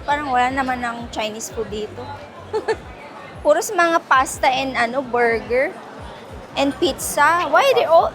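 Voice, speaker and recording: Filipino woman, travel vlogger, high voice, unhurried chatty delivery, handheld camera, loud music underneath. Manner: chatty, mixes Tagalog and English, laughs often. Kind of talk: casual travel vlog. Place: shopping mall. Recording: loud music playing over voice. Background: background music.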